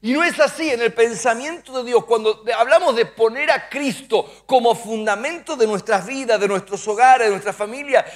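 Man preaching, very high voice, church sermon, call-and-response with the congregation, acts out little scenes. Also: normal speed, few pauses. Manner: acts out short dialogues in the story. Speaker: pastor. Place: church sanctuary.

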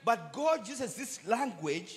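High-voiced man preaching in short phrases. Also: sing-song. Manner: short phrases, pausing for interpreter. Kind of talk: sermon. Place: church.

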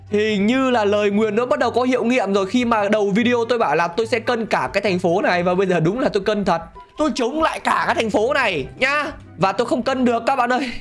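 A man giving excitable gameplay commentary, laughing often and talking straight to his viewers. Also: very high-pitched. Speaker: gaming channel host.

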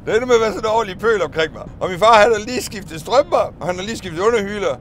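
A man telling old childhood stories in a loose, rambling way, often laughing and breaking off to restart. His voice sits a little high and swings widely in pitch. A faint vehicle rumble runs underneath, as if he is talking from inside a vehicle. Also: expressive. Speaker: vlogger. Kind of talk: casual storytelling of childhood memories.

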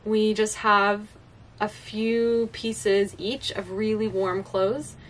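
Inside the small cabin of the sailboat she lives on, a young woman vlogger chats casually, saying "like" a lot and giggling lightly. Her medium-pitched voice is slow and fairly even. She sits far from the mic, with slight background noise.

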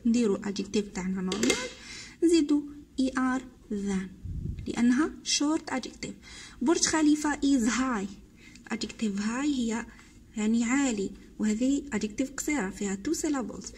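Algerian lady teaching english grammar, highish voice, stretches out the english words, faint hiss behind. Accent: Algerian Arabic. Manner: mixes Algerian Arabic with slow, drawn-out English example words. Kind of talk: explaining an English grammar lesson.

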